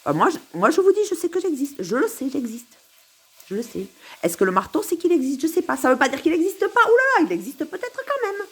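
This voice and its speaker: A woman's voice: high voice, sing-song, a little fast. A woman recording a rambling, philosophical monologue to camera at home, musing, giggling and repeating herself. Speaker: vlogger.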